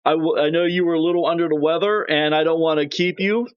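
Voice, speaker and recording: A male podcast host speaks earnestly and with respect as he wraps up an interview. His voice sits a little high, and the sound is dull and lo-fi. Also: steady tone, quick pace, clear, resonant tone. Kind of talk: casual interview chat. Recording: dull lo-fi line.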